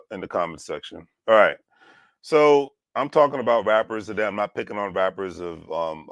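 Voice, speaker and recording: Vlog host, man around forty, very low voice, dry close recording, sarcastic and rambling. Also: fairly bright tone, dry recording. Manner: rambling, sarcastic, restarts sentences often. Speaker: channel host. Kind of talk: casual vlog commentary.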